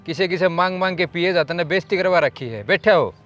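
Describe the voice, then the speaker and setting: Man acting an exasperated young son, Haryanvi accent, slightly high voice, scolding, pleading, comedy drama. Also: expressive, fairly quick, a bit bright, soft background music. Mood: weary scolding. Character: exasperated grown son scolding his drunkard father.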